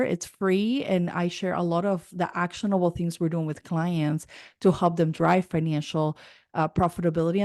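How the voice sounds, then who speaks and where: A woman speaking as a finance consultant guest on a podcast, measured and businesslike, laughing lightly now and then. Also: lowish voice, creaky, warm tone, dry recording, studio quality. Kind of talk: podcast interview answers.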